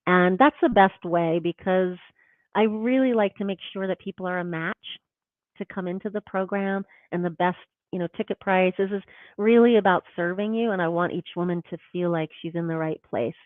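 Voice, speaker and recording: A woman's voice: fairly low pitch, normal speed, no room sound. A woman, a guest teacher in a casual conversation, reflective and laughing often as she talks in earth metaphors. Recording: tinny phone-like call audio.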